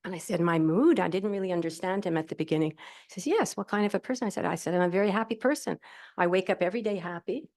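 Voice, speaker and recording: In an event hall before an audience, a middle-aged woman on a panel shares her own story through a handheld microphone. Her lowish, darkish voice moves quickly with lively intonation, and she comes across as cheerful, candid and rambling.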